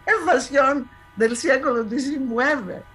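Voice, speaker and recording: This woman's voice sits high, with a fairly bright yet husky tone and a slow pace. She is in her seventies, from Thessaloniki, Greece, and speaks as a guest historian in a conversational interview, using a Salonica Judeo-Spanish accent, insisting emphatically and often starting her phrases over.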